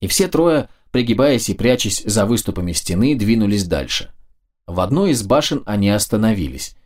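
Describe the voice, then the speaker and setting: A man narrating a fantasy audiobook in a steady, measured storytelling manner. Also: lowish voice.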